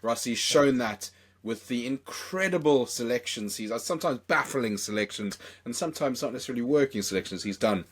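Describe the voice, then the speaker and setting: A young South African man hosts a laid-back podcast, his voice hoarse from a chest infection. He's excitable and rambling, packing in fillers, speaking at medium pitch and a little fast.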